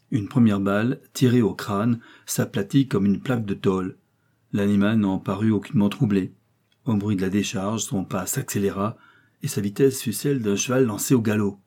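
A man reading a novel aloud as an audiobook narrator in a steady, measured way. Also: lowish voice, breathy edge. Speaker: audiobook reader. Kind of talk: scripted narration.

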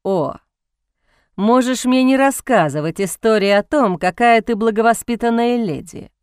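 A woman voicing a cold, cynical male aristocrat who speaks in a hoarse, mocking drawl in an audiobook. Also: a little high, a little slow, darkish tone, no room sound, clean studio sound, close to an everyday voice.

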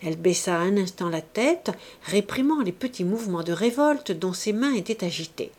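A woman reading a classic novel aloud in a measured, expressive way. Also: medium pitch. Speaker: audiobook narrator. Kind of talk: literary audiobook narration.

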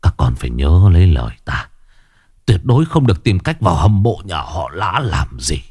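A man's voice: big pitch swings, a little mellow, no room sound, clean studio sound, full character voice. A man doing a weak, grave dying old father. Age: over 60 (figure). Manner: deep, weary, halting, breathy at times.

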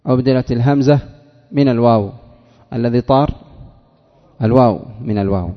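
A man's voice: medium pitch, brisk. A man teaching Arabic grammar to a class, repeating examples and quizzing students by name. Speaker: sheikh teaching Arabic morphology. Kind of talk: classroom lesson with questions to students. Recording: dull lo-fi recording in a reverberant hall.

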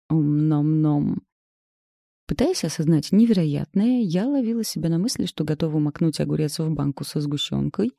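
Gravelly dark-voiced woman narrating. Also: deep voice, no room sound, clean studio sound. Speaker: audiobook narrator. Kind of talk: first-person story narration.

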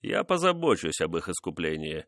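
A man voicing a cruel, vengeful nobleman who mocks his wife in a slow, menacing way. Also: deep voice, very animated, fairly bright tone, dry recording, clean studio sound, pitched below the performer's own voice. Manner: mocking, menacing, measured.

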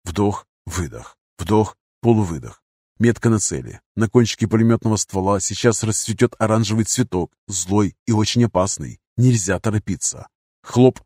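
A man with a low voice narrates a first-person action story in a tense, punchy way. He reads short, sharp sentences and gives the dialogue real force. The recording is dry and close, with no room sound. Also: lively intonation, moderate pace, no echo. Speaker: audiobook narrator.

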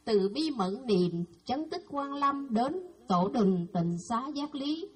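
Woman mc at a buddhist ceremony, formal honorifics, husky breathy voice. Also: a little high, expressive, slow, darkish tone. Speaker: ceremony presenter.

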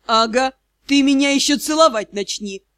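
A woman's voice: high voice, lively intonation, moderate pace, no echo, studio quality. A woman voicing a mocking, sinister male magister of death in an audiobook. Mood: irritated. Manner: sneering, ironic.

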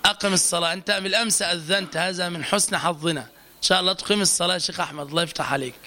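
Bright-voiced man correcting recitation. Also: sits high, steady tone. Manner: corrects pronunciation, repeating syllables slowly. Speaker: teacher correcting students' call to prayer. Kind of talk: live online recitation lesson.

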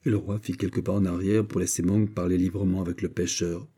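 Dark, husky male audiobook narrator. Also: low-pitched, brisk. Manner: steady, storytelling. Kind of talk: scripted narration.

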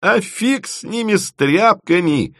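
A man voicing a brash young bride, in a shrill, high put-on voice. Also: expressive, unhurried, bright, forceful tone, no echo, studio quality, full character voice. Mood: cheerful.

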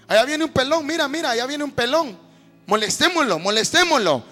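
A man's voice: very high voice, expressive, fairly quick, exaggerated voice. A man voicing a gang of rowdy young boys jeering at an old man. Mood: teasing. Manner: taunting, shouting. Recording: reverberant hall with music underneath.

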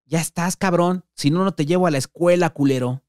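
A man doing a short-tempered teen yelling. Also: on the high side, brisk, smooth, no room sound, clean studio sound, voice pushed up, close to an everyday voice. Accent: Mexican. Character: brash nineteen-year-old man, short-tempered.

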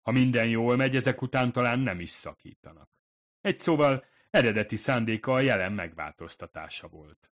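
A man with a mid-range voice narrates a scripted audiobook, telling the story in a calm, steady way.

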